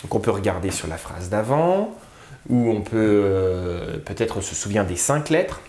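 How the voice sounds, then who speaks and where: A man teaching a spelling lesson, sounding out syllables slowly and carefully. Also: on the low side, sing-song, darkish tone, reverberant. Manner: slow, drawn-out, sounding out syllables.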